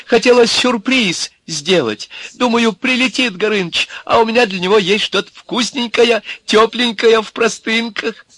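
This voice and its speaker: Man putting on a cunning witch's daughter in high falsetto, sweet and sly, storybook. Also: measured pace, no room sound, heavily acted. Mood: fawning. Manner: falsetto, wheedling, flattering. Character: fawning scheming witch's daughter, woman.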